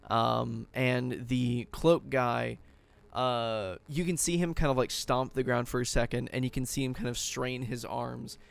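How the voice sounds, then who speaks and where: Gravelly-voiced man running a tabletop game. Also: mid-range voice. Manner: loose narration with many fillers. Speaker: game master.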